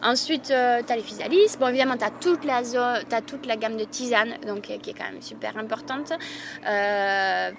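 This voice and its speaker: A woman's voice: on the high side, background noise. Chatty woman with a Landes accent. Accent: Landes (southwest French). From Landes, southwest France. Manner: enthusiastic, chatty, laughs often. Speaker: herbalist. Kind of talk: casual interview chat.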